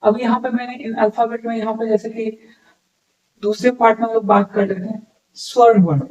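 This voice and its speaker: A man teaching English pronunciation in a lesson, saying example words slowly and repeating them, often checking with a quick "okay". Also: high voice, fairly even intonation, a little mellow, recorded from a distance, highs cut off. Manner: explains sounds slowly, repeats words, keeps checking with "ठीक है". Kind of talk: classroom-style lesson.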